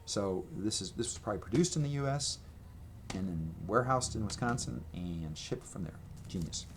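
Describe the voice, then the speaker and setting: In a gray-walled room with a red accent wall, a vlogger with a lowish, expressive voice shows off his merch to a camera at his table, speaking at normal speed. He meanders, restarts sentences and fills pauses with ums and you-knows, while faint room ambience and background noise sit beneath him on the camera mic.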